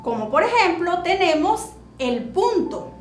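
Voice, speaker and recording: A very high, lively female voice talks slowly and deliberately, like a teacher explaining things to children. The room is echoey and faint music sits behind her.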